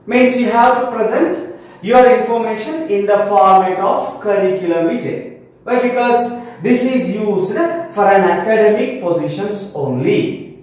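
A man's voice: sits high, unhurried, darkish tone. A man with a Telangana Indian English accent giving an online English lesson, asking and answering his own questions and repeating definitions. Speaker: English teacher. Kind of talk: online class lecture. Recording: very echoey room, mic far off.

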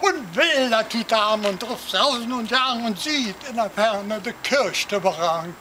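High-voiced man reciting a comic poem, slowly. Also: background noise. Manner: lively storytelling, swings voice up for quoted cries. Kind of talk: rhyming comic recitation for an audience. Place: outdoor garden theatre.

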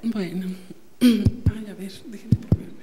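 A Mexican man in his twenties, from Mexico City, giving a comic audition, soft and giggly, holding a handheld mic in an indoor casting room. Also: sits high, fairly even intonation, slow pace, crowd noise. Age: 20s. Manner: soft, sweet and giggly, gushing about tenderness. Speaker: audition candidate.

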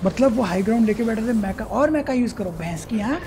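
A young man with an Indian accent, a gamer streamer giving rapid, repeated callouts to his team during live gameplay. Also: high voice, lively intonation, gravelly, heavy background noise. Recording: loud gunfire game audio behind. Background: loud gunfire and clicks.

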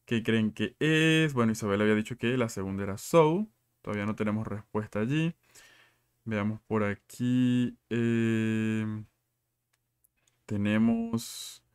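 A man's voice: lowish voice, smooth. Man teaching in a live class. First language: Spanish. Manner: reads out students' answers and asks questions often. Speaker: English teacher.

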